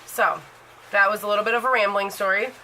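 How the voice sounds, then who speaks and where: A woman's voice: mid-range voice, fairly even intonation, fast talker, pushed and bright, a little hiss or hum, low-quality recording. A woman in her thirties talking casually in a vlog about her makeup collection, rambling and full of fillers. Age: 30s. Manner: rambling and chatty, heavy on fillers. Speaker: beauty vlogger.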